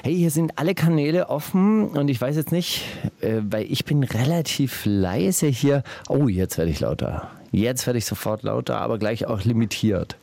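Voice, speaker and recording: Gravelly-voiced man hosting a radio chat. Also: mid-range voice, expressive, a little mellow, no room sound. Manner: rambling, halting with many fillers and restarts. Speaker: radio show host.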